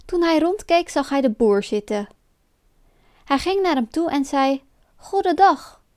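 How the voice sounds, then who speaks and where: High-voiced woman telling a folk tale. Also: unhurried. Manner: calm, expressive storytelling. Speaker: storyteller. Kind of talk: scripted folk tale narration.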